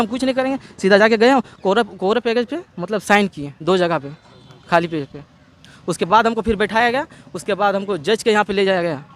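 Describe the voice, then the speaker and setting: Young man, Jharkhand Hindi accent, high voice, rambling testimony outdoors with traffic behind. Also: a bit bright. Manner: rambling retelling, quotes others' words, restarts. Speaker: interviewee recounting police custody. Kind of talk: emotional first-person testimony.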